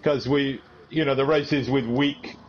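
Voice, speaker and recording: A man's voice: medium pitch, fairly even intonation, measured pace, muffled recording, a little hiss or hum. A man casually chatting and thinking aloud about race strategy with his sim racing teammates. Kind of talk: casual chat over team voice chat.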